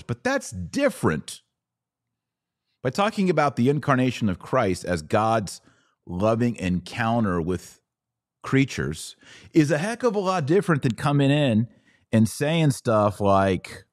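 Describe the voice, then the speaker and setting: In a dry, studio-quality recording, a man with a lowish, very animated voice hosts an opinionated podcast at a slightly slow pace. He reads material aloud and reacts live, with a mocking, sarcastic and emphatic delivery.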